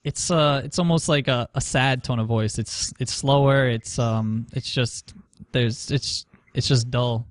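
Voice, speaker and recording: A man's voice: mid-range voice, a little slow, no echo. A man hosting an interview, answering questions hesitantly with fillers and restarts. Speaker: interview host.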